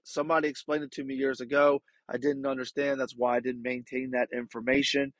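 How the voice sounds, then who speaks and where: A man in his late twenties from Maryland hosts a casual outdoors podcast, his mid-range voice flat and a little fast, with no echo. He sounds nasal from being sick and rambles, full of fillers and restarts.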